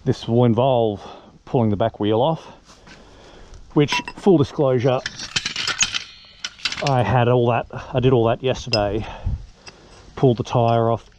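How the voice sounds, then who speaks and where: A man's voice: medium pitch, lo-fi sound. Aussie bloke a bit out of breath chatting while he fixes his bike, helmet cam audio, lots of noise and tool clicks. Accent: Australian. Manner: chatty, self-deprecating, thinking aloud. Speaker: motorbike DIY vlogger. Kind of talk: casual how-to talk while working. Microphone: helmet-mounted action camera.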